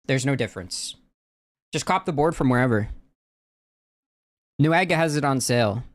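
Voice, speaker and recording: A man's voice: medium pitch, lively intonation, moderate pace, dry recording, clean studio sound. A man talking casually as a livestream host, in a slangy, profane frat-bro manner.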